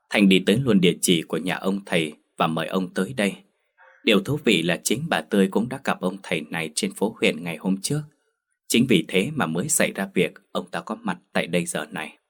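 Brief: male narrator, very low, husky, emotive ghost story reading. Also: fairly bright tone. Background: faint music.

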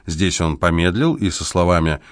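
A man narrating an audiobook in a measured, expressive storytelling voice. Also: sits low, no room sound, clean studio sound. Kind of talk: scripted narration.

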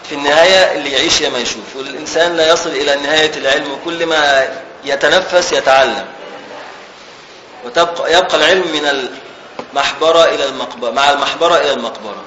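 An Egyptian man gives a religious lesson in a fairly high, bright voice. He reads the classical text, then unpacks it in everyday speech and repeats the main points. The room is echoey, with a faint hiss behind him. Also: fast talker, dull audio. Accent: Egyptian Arabic. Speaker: religious teacher.

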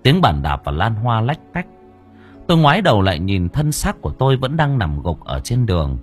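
A man narrating a horror story in an audiobook with expressive, dramatic delivery. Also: fairly low pitch, normal speed, soft background music.

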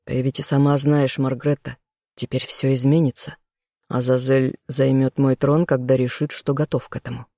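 An audiobook reader voicing a weary, stern king who speaks calmly and condescendingly. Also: medium pitch, moderate pace, no echo, studio quality, natural voice. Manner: calm, condescending, firm. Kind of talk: audiobook role reading.

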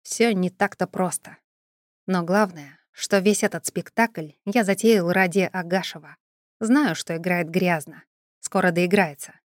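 A woman narrating an audiobook in an even, first-person storytelling manner. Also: fairly low pitch, unhurried, no room sound, clean studio sound.

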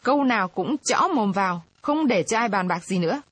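A woman's voice: medium pitch, animated, brisk, fairly bright tone, slightly rough, dry recording. A woman reading aloud, voicing an arrogant, drunk male village council head who talks in a domineering way. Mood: scornful. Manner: bossy, domineering.

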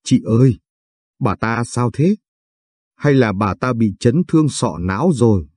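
A man's voice: medium pitch, animated, a little slow, darkish tone, no room sound. A man reading as a curious young nurse. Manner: curious, questioning.

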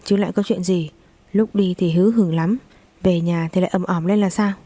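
A woman's voice: steady tone, normal speed, dark tone, no room sound, lightly acted. A woman playing a fierce old mother-in-law. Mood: scolding. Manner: scolding, shrill.

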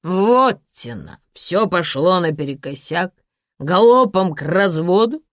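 A woman's voice: lowish voice, sing-song, takes it slowly, no room sound, studio quality. A woman reading an audiobook, voicing a drunken, boastful ruined man who slurs his words theatrically. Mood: drunk, mocking. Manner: slurred, theatrical, loud. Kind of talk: audiobook character voice.

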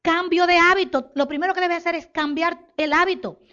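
Fast-talking woman giving a business talk. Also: extremely high pitch, muffled recording. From Dominican Republic. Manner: animated, acts out sales dialogues, addresses audience as señores. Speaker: network marketing business speaker.

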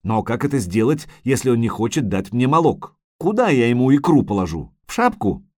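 A man voicing a vain, capricious female sea siren who talks in a singsong, shrill and indignant way. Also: very animated, a little fast, darkish tone, no echo, studio quality.

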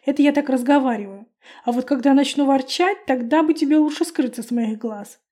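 Woman reading a snappish lynx-shifter girl, high and mellow voice, fiery, grumpy. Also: brisk, natural voice. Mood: grumbling. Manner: snappish, scolding.

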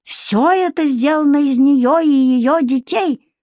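Abdurakhman, a squeaky excitable shopkeeper, as a woman puts him on. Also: slow pace, no room sound, clean studio sound. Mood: excited, pleading. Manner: high, squealing, broken grammar. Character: excitable male shopkeeper with broken speech, thin voice.

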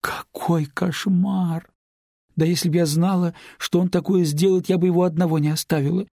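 A man's voice: high-pitched, fairly even intonation, vocal fry, warm tone, no echo, studio quality, pitched above the performer's own voice. A man voicing a tearful pleading teenage girl. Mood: pleading, upset. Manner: pleading, apologetic, rushed.

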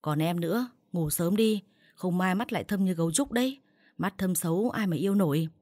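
Timid gentle husband, soothing and pleading, as a woman narrator puts him on; dry husky tone. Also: fairly low pitch, brisk, no echo, close to an everyday voice. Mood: coaxing.

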